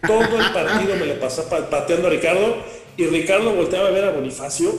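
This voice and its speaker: A man with a Mexican accent telling a lively, jokey anecdote from an earlier episode. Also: high voice, fast. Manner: animated, jokey storyteller. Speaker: former footballer, archived guest. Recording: clip replayed, roomy echo.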